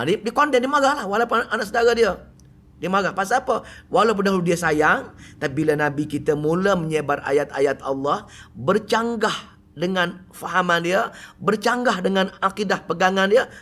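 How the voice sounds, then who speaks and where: A middle-aged Malaysian man delivers an animated religious lecture in a Malay accent. His voice sits a bit high and swings widely in pitch. He keeps throwing rhetorical questions at his listeners. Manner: animated, rhetorical questions, acts out quoted speech loudly. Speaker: religious teacher giving Quran commentary. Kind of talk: mosque lecture.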